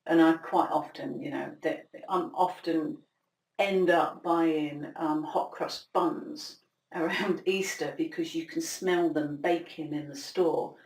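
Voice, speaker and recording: A woman's voice: low-pitched, steady tone, takes it slowly. A woman interviewing a guest, chatty and often murmuring agreement. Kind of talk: conversational interview. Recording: roomy, distant mic, faint noise.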